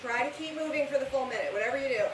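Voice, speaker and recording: A woman's voice: high-pitched, racing. A woman working as a fitness instructor, calling out encouragement, cues and countdowns as she exercises through a live workout class. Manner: exerting herself while talking through the exercises. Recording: echoey room, far from mic, loud hiss.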